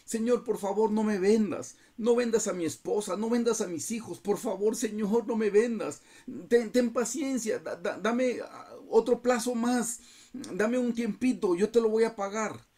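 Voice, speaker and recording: Guy doing a desperate servant begging for more time, high faltering voice, kinda dark and husky. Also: unhurried. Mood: pleading.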